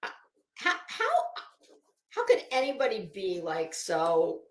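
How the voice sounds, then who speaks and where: At medium pitch but with huge swings, a woman speaks slowly as a livestream host chatting with viewers. Her casual take on a legal case comes across as sarcastic, theatrical, exasperated and mocking, and the room is echoey.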